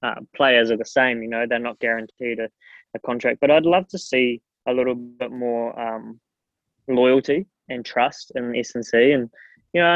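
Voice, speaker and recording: A man's voice: mid-range voice, no room sound. Slangy man with a broad Kiwi accent, dull audio. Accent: broad New Zealand. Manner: informal, slangy, earnest. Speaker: strength and conditioning coach, guest. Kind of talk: casual interview chat.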